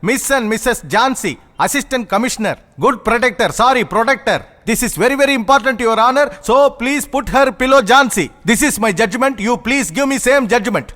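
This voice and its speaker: A bumbling broken-English pleader. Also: male voice, very high-pitched, bright, forceful tone, long reverb tail, heavily acted. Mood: pleading. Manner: halting broken English, slow and stumbling. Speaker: lawyer in court. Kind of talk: film dialogue.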